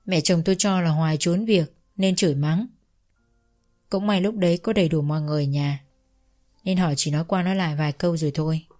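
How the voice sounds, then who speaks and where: A woman's voice: fairly low pitch, a little fast, faint music behind. Woman narrating a family drama story. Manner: steady first-person storytelling.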